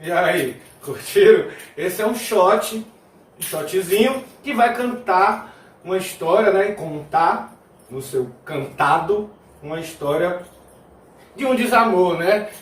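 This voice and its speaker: A man's voice: sits high, animated, slow pace, a little hiss or hum. A man teaching a video lesson on folk music, singing verses and then explaining them in a loose, chatty way. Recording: roomy, mic at a distance. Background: tambourine playing.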